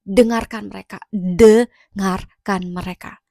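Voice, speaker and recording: A young woman gives chatty, emphatic advice, repeating her points for weight. Her voice carries a steady creaky fry, and the recording is close and dry with no room sound. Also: medium pitch, takes it slowly, no echo. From Indonesia. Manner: repetitive, emphatic, conversational. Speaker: vlogger giving advice. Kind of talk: casual advice vlog.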